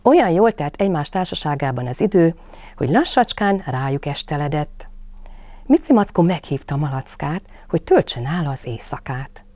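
A woman narrating a children's storybook slowly, dropping to a soft hush. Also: low-pitched, animated, dry recording. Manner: slow, hushed, soothing narration.

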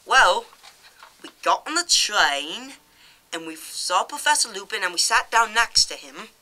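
A woman voicing an earnest young teen boy wizard who tells his story in an animated way. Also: medium pitch, a little slow, poor audio.

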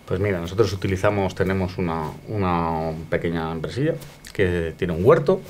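A young adult man, a chef, calmly explaining how his restaurant works, in a casual, filler-laced way, in a dining room. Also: low voice, moderate pace. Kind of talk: casual interview answers.

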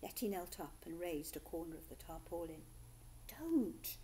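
A woman's voice: lowish voice, fairly even intonation, brisk, warm tone, a little hiss or hum, poor audio. A children's author, a woman, reading her own adventure story aloud expressively.

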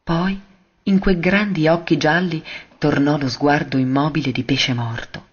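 Male narrator for a classic story reading: husky, mid-pitched, measured, dull lo-fi sound. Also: fairly even intonation. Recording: dull lo-fi recording.

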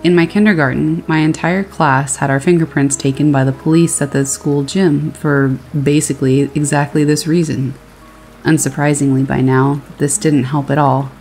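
A horror story narrator calmly reading a first-person scary story aloud, with steady storytelling delivery. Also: mid-range voice, rough recording. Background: rain sounds and faint music.

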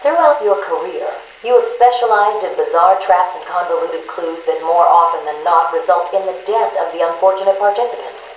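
An actress playing a composed female asylum psychiatrist, heard played back from a cassette interview tape, speaking in a measured, clinical, formal way. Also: on the low side. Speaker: psychiatrist conducting patient interviews. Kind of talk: video game voice acting. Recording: roomy, faintly hissy tape recording.

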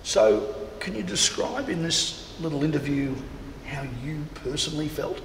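A man's voice: fairly high pitch, measured pace. A man presenting and interviewing on camera, chatty and promotional, talking straight to viewers. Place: large cathedral interior. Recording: echoey cathedral with long reverb and faint background noise.

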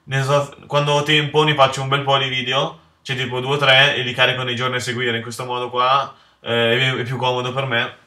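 A man's voice: mid-range voice, flat delivery, brisk, pushed and bright. A teenage boy from Italy hosting a gaming video, commentating while he plays, easily enraged and swearing at the game. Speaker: gaming channel host. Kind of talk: let's play commentary. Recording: echoey room, mic off to the side.

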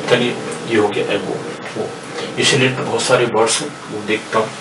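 A man's voice: lowish voice, steady tone, a little fast. An older man with an Indian English accent, a professor giving a lecture on word roots in a mix of Hindi and English. He explains patiently, repeating words and spelling them out. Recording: echoey room, distant mic, noisy.

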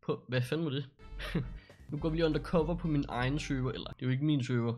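A man's voice: on the high side, darkish tone, soft background music. Joking young man narrating his gameplay. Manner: joking, laughs often, talks to himself. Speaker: streamer playing a role-play server. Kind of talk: casual game commentary.

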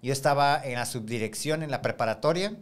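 A man's voice: medium pitch, fairly quick. A man, a former teacher co-hosting a podcast, chatting casually and acting out voices in his anecdotes. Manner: animated storytelling, acts out voices in anecdotes. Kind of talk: casual chat.

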